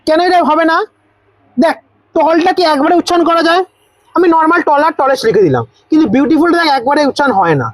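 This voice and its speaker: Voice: high-pitched, dry recording, poor audio. A tutor with a Bengali accent teaching grammar to school students, asking questions, repeating the answers and spelling words out letter by letter.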